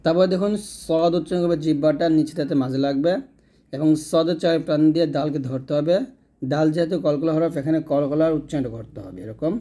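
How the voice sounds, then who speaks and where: A man teaching Quran reading, slowly spelling out letters and repeating each sound several times. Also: fairly high pitch, warm tone. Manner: checks in with the listener now and then. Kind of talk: recitation lesson, spelling out letters.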